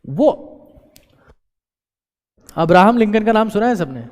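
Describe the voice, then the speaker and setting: Speaking a little slowly with lively intonation, a man whose voice sits high and a little mellow gives viewers a motivational pep talk. He exhorts them, repeats his key phrases, and mixes in English, all under a long reverberant echo.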